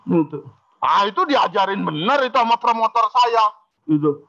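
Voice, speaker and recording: A male law professor gives a university lecture and tells animated stories, dropping in frequent "gitu" asides. His pitch rises and falls widely and his voice sounds bright, captured on a dull, lo-fi recording.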